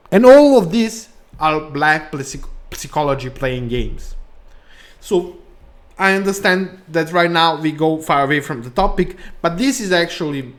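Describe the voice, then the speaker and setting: A man hosting a crypto channel, speaking in broken English in a passionate, preachy vlog rant that repeats points for emphasis. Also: on the high side. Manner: non-native English grammar.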